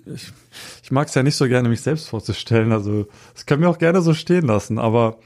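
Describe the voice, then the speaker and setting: A street photographer in his thirties from Hamburg, Germany, appears as a guest on a podcast for a casual interview chat. His mid-range, slightly mellow voice has lively intonation and moves fairly quickly. He speaks casually and hesitantly, with many fillers.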